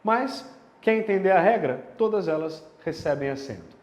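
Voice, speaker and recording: Guy teaching grammar, voice jumps up and down a lot, keeps asking "all good?", kinda high for a guy. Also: normal speed. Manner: animated, checks in with rhetorical questions. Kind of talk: video grammar lesson. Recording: roomy with a long reverb tail.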